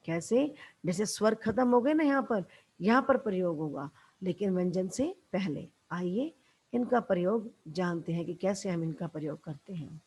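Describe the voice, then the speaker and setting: With a lowish, slightly rough and a little mellow voice, a woman teacher patiently instructs young schoolchildren at a slow pace. She has a Haryanvi accent and refers to the children as "beta" and "bachche" throughout the lesson.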